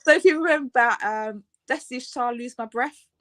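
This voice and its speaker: A woman's voice: a little high, moderate pace, a bit bright, no room sound. A woman in her late thirties from the United Kingdom, a fashion designer chatting casually in an interview, with many fillers and frequent laughs. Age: 30s.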